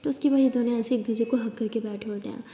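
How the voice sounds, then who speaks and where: A woman narrating a love story in a relaxed, chatty way, with a dull, echoey room sound. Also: on the high side, quick pace.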